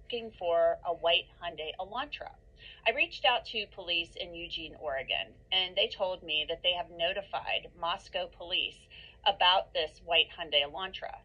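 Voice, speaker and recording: A woman news reporter delivering a measured, informative broadcast update. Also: fairly low pitch, pushed and bright, husky, highs cut off.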